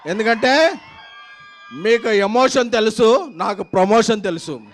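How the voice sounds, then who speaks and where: A man's voice: high voice, unhurried, slight background noise. A man giving a rousing promotional stage speech, emphatic and declamatory, building in punchy repeated phrases. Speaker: film producer giving a speech. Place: on stage at a film promotion event.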